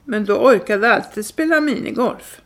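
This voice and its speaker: Lady reading as a big brother cracking dry sarcastic jokes, ribbing his sibling, voice sits a bit high. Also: expressive, a bit bright. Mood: teasing. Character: teasing grown man, the narrator's older brother.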